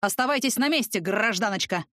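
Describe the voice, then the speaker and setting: A woman reading an audiobook, voicing a gruff, bossy middle-aged police officer who barks orders and lectures. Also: medium pitch, expressive, a little fast, a bit bright, dry recording, studio quality, close to an everyday voice. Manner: barking, commanding, fatherly lecturing. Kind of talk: audiobook character voice.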